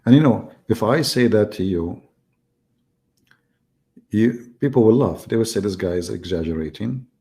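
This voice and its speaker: A man's voice: on the low side, a little slow, pauses often, mellow. A man with an Arabic accent hosts a heated live-stream debate, repeating himself and talking over the caller. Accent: Middle Eastern Arabic. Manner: repetitive, interrupting, emphatic.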